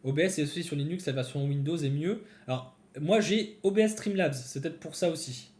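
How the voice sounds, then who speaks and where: A man's voice: fairly high pitch, brisk, darkish tone, echoey room. Chatty man thinking aloud while coding. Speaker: developer streaming a coding session. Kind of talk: casual live-coding commentary.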